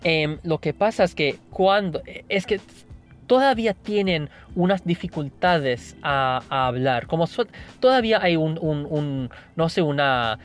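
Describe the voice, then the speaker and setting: A man's voice: fairly high pitch, animated, measured pace, soft background music. A man whose first language is English, speaking in a casual spoken monologue as a language learner, thinking aloud with frequent restarts and tag questions. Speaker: language learner sharing tips.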